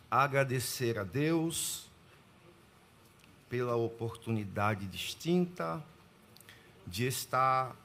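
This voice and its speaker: A man from Pernambuco speaks as a guest preacher in a church sanctuary. His voice sits at an ordinary middle pitch, and his delivery is formal and deliberate. He greets the congregation and reads scripture with measured pauses. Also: fairly bright tone, a little hiss or hum. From Pernambuco, Brazil. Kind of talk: sermon with scripture reading.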